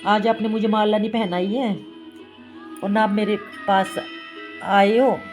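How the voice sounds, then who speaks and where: Gentle little boy god, soft coaxing voice, as a lady storyteller quotes him, music playing under. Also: medium pitch, level tone, measured pace, lightly acted. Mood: pleading. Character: sweet young boy, a disguised god, gentle and pleading. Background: instrumental music.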